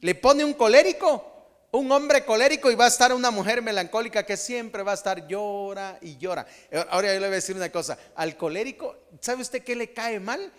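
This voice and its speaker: A middle-aged man preaching a humorous, animated sermon as a pastor. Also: extremely high pitch, fairly quick, in a large hall.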